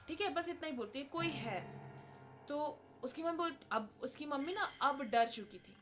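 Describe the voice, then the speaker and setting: A woman telling a horror story in a casual, chatty way, often adding little checks like "okay" and "literally". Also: sits high. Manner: chatty, keeps adding "theek hai" and "literally".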